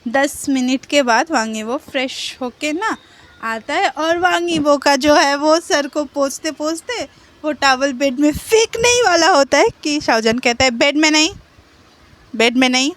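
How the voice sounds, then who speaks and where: High-voiced woman retelling a story. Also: measured pace. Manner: chatty, repeats fillers often.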